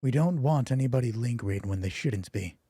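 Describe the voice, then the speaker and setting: A man's voice: medium pitch, animated, a little fast, mellow, slightly rough, dry recording, studio quality. A man voicing a friendly, overly formal male guard captain in his tabletop game, with a stumbling, ceremonious welcome. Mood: welcoming.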